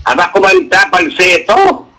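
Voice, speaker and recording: The voice is high-pitched and a little slow, with vocal fry, on poor audio. It's a middle-aged man guesting on a radio show, chatting casually and animatedly telling anecdotes while acting out their dialogue.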